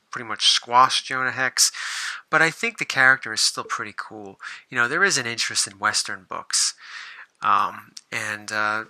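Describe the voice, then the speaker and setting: A man's voice: mid-range voice, bright, forceful tone, no echo, rough recording. A man hosting a casual show-and-tell video about comic books, rambling, with lots of fillers and restarts. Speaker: comic book collector and channel host.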